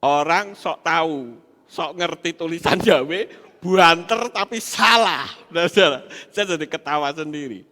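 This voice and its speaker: Bright-voiced man preaching in a reverberant hall. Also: fairly high pitch, a little slow. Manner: animated, laughs often, addresses congregation directly. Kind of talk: sermon with stories and audience questions.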